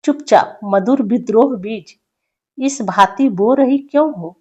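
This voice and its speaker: A woman's voice: fairly high pitch, measured pace, a little mellow, breathy edge, lo-fi sound. A woman teaching a Hindi poem, reciting each verse with emphasis and then explaining it in loose, conversational speech full of fillers.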